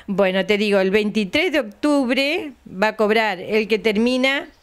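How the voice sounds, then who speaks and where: Speaking with an Argentine Spanish accent, the older woman who presides over a retirees' center talks with a local TV crew at home in her living room while the interviewer holds a handheld mic. She is chatty, patiently repeats dates, and adds questioning asides to her lines. Her medium-pitched voice is animated, a little slow, clear, and resonant.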